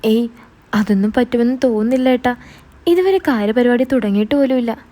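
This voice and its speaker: A woman's voice: a little high, brisk, warm tone, lightly acted. A woman voicing an anxious, cheeky young sister who talks in a worried, pleading way.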